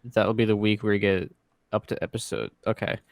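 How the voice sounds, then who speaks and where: A man's voice: lowish voice, steady tone, fairly quick, vocal fry. A young man co-hosting a casual podcast, wisecracking and offhand. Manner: offhand, wisecracking, reads out place names. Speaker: podcast co-host. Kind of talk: casual chat.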